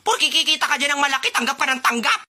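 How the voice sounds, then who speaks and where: A man's voice: very high voice, expressive, fast talker, pushed and bright, full character voice. A man playing a cheeky, scheming teenage friend in a comedy skit, with brash, mocking banter.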